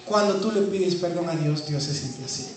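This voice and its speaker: A woman preaching a sermon. She asks rhetorical questions and swings from quiet, low talk to loud, high-pitched preaching. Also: normal speed. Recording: very echoey room from far off, faint noise.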